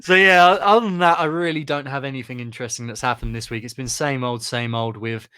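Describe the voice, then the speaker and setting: An English man co-hosting a casual podcast, talking easily at a mid-range pitch. He rambles in a friendly, self-mocking way and laughs often between points. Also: steady tone, fast talker, pushed and bright, clean tone, dry recording. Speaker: podcast co-host. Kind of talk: casual chat.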